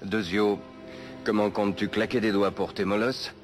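An actor dubbing a tough, wisecracking action-movie cop with dry, sarcastic threats, in a French film dub. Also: male voice, lowish voice, level tone, moderate pace, close to an everyday voice. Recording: film clip over loud music.

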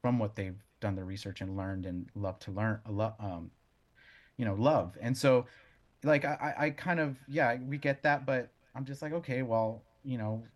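A man being interviewed as a brewer, explaining casually in a halting way as he searches for words. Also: mid-range voice.

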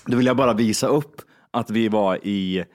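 A man's voice: on the low side, darkish tone, slight background noise. A man hosting a podcast, bantering loosely and laughing often. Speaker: podcast host. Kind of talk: casual chat.

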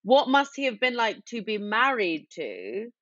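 A woman's voice: fairly high pitch, huge pitch swings, unhurried, fairly bright tone, no room sound. A woman in casual chat, reacting bluntly and swearing. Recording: dull, dry, slightly lo-fi sound.

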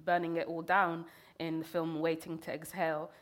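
A woman's voice: low-pitched, level tone, normal speed. A woman, a poet talking reflectively in an interview. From England. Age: 30s. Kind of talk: conversational interview.

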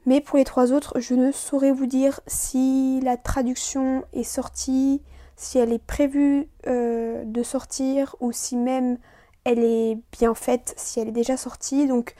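A young woman talks through a casual solo podcast episode in a high, mellow voice. She rambles easily, with frequent fillers and restarts. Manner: chatty, many fillers and restarts. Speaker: podcast host.

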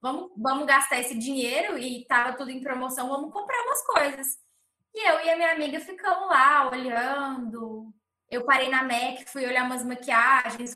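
A young Brazilian woman, a podcast guest, telling a casual story and acting out the voices of the people in it. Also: high voice. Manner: animated, acts out the voices of people in her story. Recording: roomy echo.

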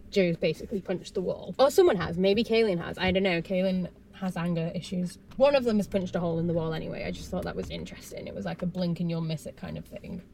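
A woman's voice: fairly low pitch, a little hiss or hum. Chatty young woman recapping TV. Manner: chatty, sarcastic asides, lots of "like". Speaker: reality TV recap host. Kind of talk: casual show recap.

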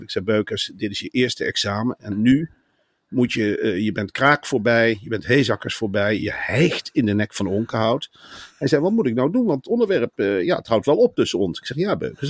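A man's voice: lowish voice, dry recording, studio quality. A man, co-hosting a podcast, spinning long mocking comic riffs in casual chat. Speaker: podcast co-host.

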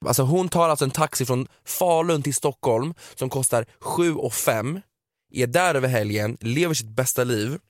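A man's voice: medium pitch, no room sound, studio quality. Blunt, crude-talking man. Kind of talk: casual chat.

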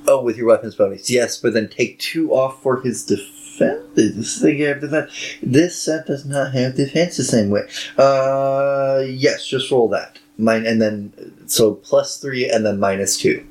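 A man acting as game master of a tabletop game, explaining rules in a casual, halting way with some swearing. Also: mid-range voice, a little mellow, rough recording.

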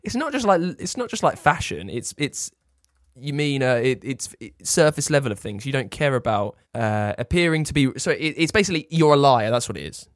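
A man's voice: mid-range voice, big pitch swings, brisk, no echo, studio quality. A man co-hosting a podcast, bantering casually in a blunt, teasing, sweary way as he reads things out. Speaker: podcast co-host. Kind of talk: casual banter, reading out and commenting.

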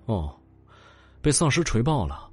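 A man's voice: mid-range voice, sing-song, unhurried, a little mellow, husky, soft background music. A man voicing a cold, vengeful young male student who talks curtly and with contempt. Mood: cold scornful. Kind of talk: audiobook character voice.

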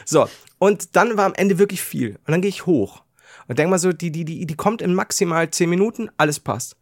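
Lively laughing man telling a story. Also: sits high, brisk, dry recording, studio quality. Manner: animated, laughing storyteller acting out his own panic. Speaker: podcast co-host. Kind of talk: casual storytelling chat.

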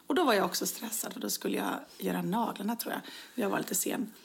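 A woman's voice: medium pitch, vocal fry, slight background noise. A woman chatting casually and telling funny everyday stories, acting out her own lines. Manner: lively storyteller, acts out own quotes. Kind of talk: casual chat, telling anecdotes.

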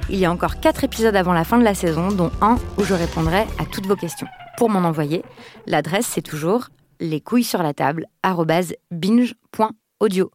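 A woman from France, a podcast host and journalist, narrating a documentary in a measured, assertive way. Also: fairly low pitch, faint music behind.

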